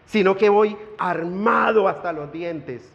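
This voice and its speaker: Male pastor, high voice, earnest sermon delivery; dull lo-fi sound. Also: vocal fry. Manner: earnest preaching, slowing down for emphasis. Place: church sanctuary. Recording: dull lo-fi church hall with long reverb.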